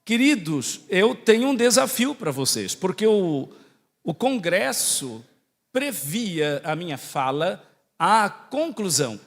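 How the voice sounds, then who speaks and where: A priest from southern Brazil, whose Santa Catarina accent sits close to European Portuguese, gives a conversational religious talk in a large, echoing hall. His voice is high, very animated and slow, and he teaches didactically, often questioning and checking in with his listeners. The recording carries long reverb from the hall.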